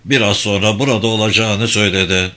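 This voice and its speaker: A man's voice: on the low side, fairly even intonation, fast, bright, forceful tone. A man reading the lines of a helpful small-town lawyer in his fifties. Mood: obliging. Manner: helpful, obliging.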